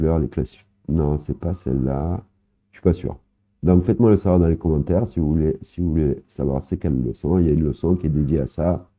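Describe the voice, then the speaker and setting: A man teaching a language lesson in a casual, hesitant way, repeating words slowly and often adding "hein". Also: a bass voice, breathy edge. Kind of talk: casual online lesson explaining vocabulary. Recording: narrow phone-like sound.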